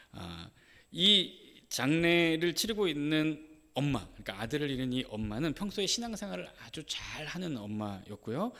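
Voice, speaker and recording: A man's voice: mid-range voice, fairly bright tone. A male pastor preaching a sermon in a conversational way, often adding a short "yes" and acting out the lines he quotes. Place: church sanctuary. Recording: reverberant church sanctuary.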